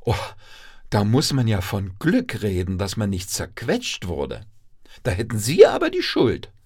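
A man's voice: very animated, a little slow, slightly rough, full character voice. A man voicing a chirpy, boastful female town mouse in a piping voice. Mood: huffy. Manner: squeaky, piping.

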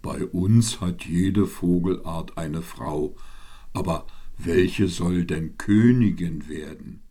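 A wise owl from a bedtime storybook speaks in an unhurried, low-pitched voice, as a man puts her on. She sounds calm and measured, keeping order. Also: husky, exaggerated voice. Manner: slow and measured.

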